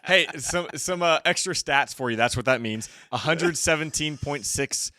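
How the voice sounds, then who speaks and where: A man's voice: a little high, moderate pace, sharp tone, no echo, clean studio sound. Upbeat man rattling off football stats. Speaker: co-host of a high school football stats show. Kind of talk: casual sports chat.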